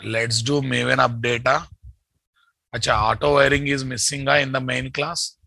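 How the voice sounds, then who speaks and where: Here a man with a Telugu Indian English accent runs a live programming lesson at normal speed, his medium-pitched voice gravelly, sharp, and flat in delivery. He thinks out loud, repeats phrases, and checks with his students using short questions and tags. It's a dry recording.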